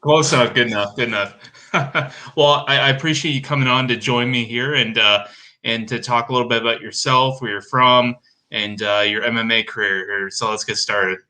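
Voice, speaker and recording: A man hosting a casual live-stream interview, easygoing and quick with short affirmations. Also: mid-range voice, steady tone, bright, forceful tone, rough recording. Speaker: podcast host.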